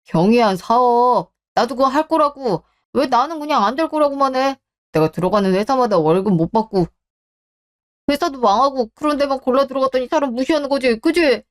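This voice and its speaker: A woman's voice: sits high, expressive, fairly quick. A woman voicing a stubborn, defensive younger husband who argues indignantly with his mother in a radio drama.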